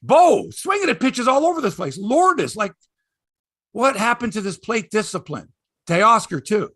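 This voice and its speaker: A man's voice: high voice, very animated, measured pace, bright, forceful tone, breathy edge. A man hosting a sports talk show, ranting emphatically with exasperated repeats, rhetorical questions and salty language. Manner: salty, profane. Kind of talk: opinionated sports talk rant.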